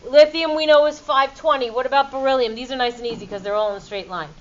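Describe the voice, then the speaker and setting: A woman's voice: sits high, fairly even intonation, quick pace, lo-fi sound. A middle-aged woman teaching a chemistry class, quizzing students in a playful, upbeat way. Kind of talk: classroom lecture.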